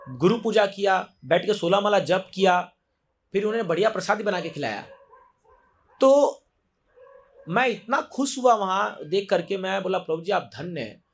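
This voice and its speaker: A man giving a sermon to devotees, exhorting them emphatically, repeating key phrases and mixing English words into his Hindi. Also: high voice. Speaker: temple preacher.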